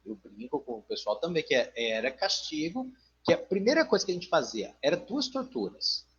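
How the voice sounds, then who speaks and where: A Brazilian teacher co-hosts a live online stream, chatting casually and wandering off topic with joking asides and frequent "né" tags. His voice is on the high side, fairly bright and slightly rough, very animated at a normal speed, heard through dull online call audio.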